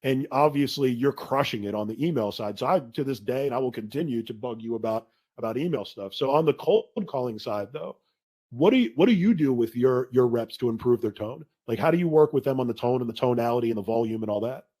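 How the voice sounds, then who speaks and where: Animated storytelling podcast host, man. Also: medium pitch, fairly quick, breathy edge. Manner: animated storytelling, says dude a lot. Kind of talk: casual conversation.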